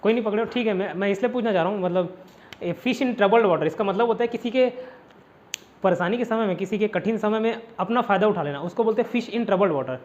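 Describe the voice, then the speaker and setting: A man's voice: sits high, a little fast, darkish tone, lo-fi sound. A man from India teaching a casual vocabulary lesson in a classroom, explaining each word with repeated rhetorical questions.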